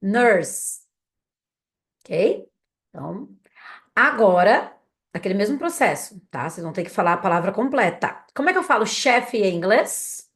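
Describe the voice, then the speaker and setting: Her voice is mid-range and very animated as this young adult woman, who has a Brazilian Portuguese accent, teaches English words. She patiently and slowly calls each one out, drilling learners to repeat after her.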